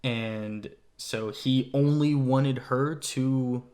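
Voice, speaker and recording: A young man talks through a movie with a friend at an even, mid-range pitch. He rambles and swears casually, his voice jumping up whenever something excites him. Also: drawn-out words. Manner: animated, swears freely, rambling. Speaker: co-host. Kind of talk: casual movie review chat.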